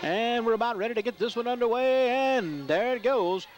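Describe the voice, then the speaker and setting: A man calling high school football play-by-play, building up loudly on big plays. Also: normal speed, over loud music. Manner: excitable in big plays, rising loud. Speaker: play-by-play announcer.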